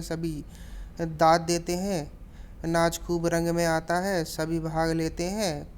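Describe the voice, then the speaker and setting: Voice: mid-range voice, darkish tone, slight background noise. A teacher retelling a story chapter for students, with plain narration and casual asides to the class. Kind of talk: explaining a story lesson.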